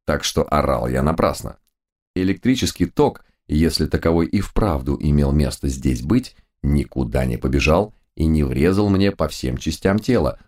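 A man's voice: very deep voice, darkish tone. A man reading a first-person story aloud in a wry, ironic storytelling manner. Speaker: audiobook narrator. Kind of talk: first-person scripted narration.

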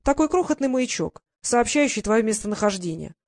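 A woman's voice: on the high side, animated, fairly quick, darkish tone, no echo, voice pushed up. A woman voicing a mocking, impatient teenage boy with a brusque, sarcastic manner.

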